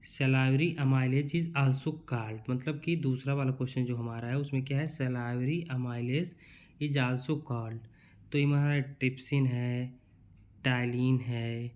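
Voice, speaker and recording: A young man runs through a quiz lesson for exam students. He reads each question out slowly and then talks through the answer in a relaxed, repetitive way, checking in with the listener again and again. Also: medium pitch. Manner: reads questions slowly, then explains casually with repeated fillers. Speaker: teacher. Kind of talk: exam-prep lecture.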